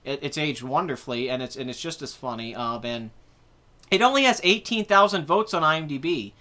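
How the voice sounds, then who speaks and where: A man's voice: on the high side, expressive, brisk, pushed and bright. A man in his twenties hosting a casual live chat about movies, rambling and correcting himself as he answers viewer comments. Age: 20s. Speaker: host.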